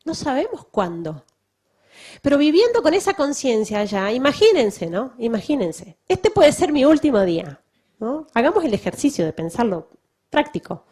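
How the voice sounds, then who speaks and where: A woman speaks to a church audience in a fairly high voice that rises and falls a lot. She talks with emphasis and keeps asking the listeners rhetorical questions. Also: very animated, moderate pace, warm tone, breathy edge. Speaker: missionary giving a testimony. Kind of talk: public talk to a church audience.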